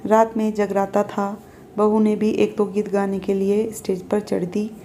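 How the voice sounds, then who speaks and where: A woman narrating a moral family story in a steady, plain storytelling way. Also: medium pitch, a little slow, slight background noise.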